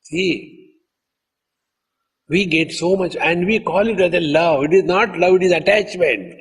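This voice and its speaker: A man's voice: high voice, measured pace, breathy edge. A man, a spiritual teacher giving a discourse, telling anecdotes and acting out the people in them. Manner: animated storytelling, acts out quotes. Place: lecture hall. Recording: echoey hall recording.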